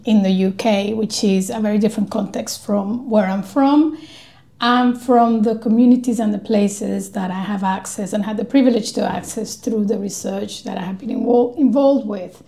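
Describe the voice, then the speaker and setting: A woman from Colombia with Spanish as her first language, speaking as a guest researcher in a podcast interview, measured and thoughtful with frequent pauses. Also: a little high, warm tone, reverberant.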